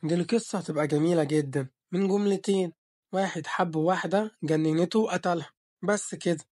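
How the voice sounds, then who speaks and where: Brief: man playing jealous egyptian husband, gruff and teasing, quick and high-ish, for an audio novel. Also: a little mellow, dry recording, clean studio sound. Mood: mocking. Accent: Egyptian Arabic. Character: bossy jealous young husband.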